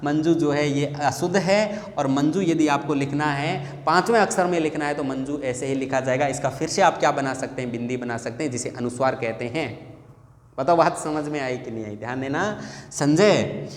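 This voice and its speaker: Man, teacher, call-and-response lesson, somewhat high voice, echoey room. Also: moderate pace. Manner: repetitive call-and-response drilling. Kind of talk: classroom lesson. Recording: echoey long-reverb room.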